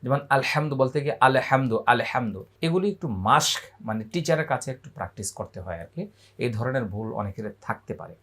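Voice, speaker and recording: A man from Bangladesh teaching Quran reading, spelling syllables aloud and then chanting verses in a high, drawn-out recitation. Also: animated, fairly bright tone. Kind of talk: letter-by-letter Quran recitation lesson.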